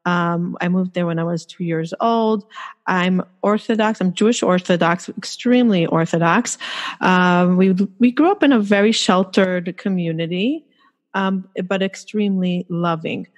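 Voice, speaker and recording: A woman's voice: lowish voice, a little slow. Chatty woman guest from Israel. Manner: eager, chatty storytelling with frequent fillers. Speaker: podcast guest. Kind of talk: casual interview chat.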